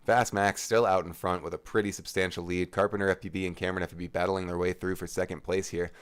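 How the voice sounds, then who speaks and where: A man's voice: low-pitched, little pitch movement, fast talker, clean tone. A man giving live play-by-play commentary on a drone race, chatting and joking with the pilots between heats.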